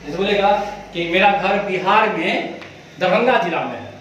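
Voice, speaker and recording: A man's voice: sits high, moderate pace, fairly bright tone, dull audio, slight background noise. A man teaching English in a classroom, asking the class and having them repeat words. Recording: echoey room, from far off.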